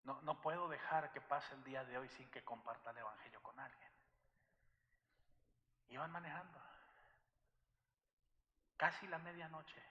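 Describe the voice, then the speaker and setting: A man's voice: fairly high pitch, highs cut off. A man preaching a sermon as pastor, telling a story and addressing the congregation as brothers. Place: church sanctuary. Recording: echoey church hall.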